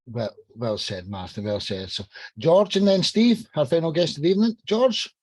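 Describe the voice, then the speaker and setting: A male podcast host whose pitch swings widely as he moves the show along. He keeps repeating "well said" and calls the next guest by name. The sound is close and dry. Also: lively intonation, normal speed, darkish tone, no room sound. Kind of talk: hosting a video-call podcast.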